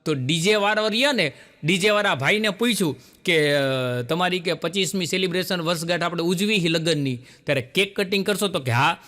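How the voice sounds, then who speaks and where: A man's voice: high voice, a little fast, bright, forceful tone. A man, telling folksy jokes live to an audience as a stand-up comedian.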